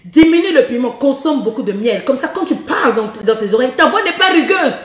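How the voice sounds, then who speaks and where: A woman coaching women on love, with a hoarse voice, talking in a bold, teasing and playful way and laughing often as she speaks straight to her listeners. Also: high-pitched, animated, brisk, a bit bright, reverberant, far from the mic. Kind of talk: frank advice monologue to women viewers.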